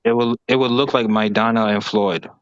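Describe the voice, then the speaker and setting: A man in a casual boxing chat over an online call whose audio keeps breaking up, so his words come out halting. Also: on the low side, steady tone, no room sound. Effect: breaking-up online call audio, cutting in and out. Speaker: voice chat participant. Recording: dull lo-fi voice chat line.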